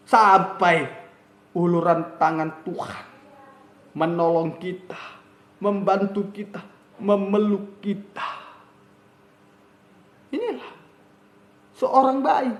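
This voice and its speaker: A man preaching a sermon with emphatic, repetitive phrasing that swings from loud to soft. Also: extremely high pitch. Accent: Indonesian. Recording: echoey room.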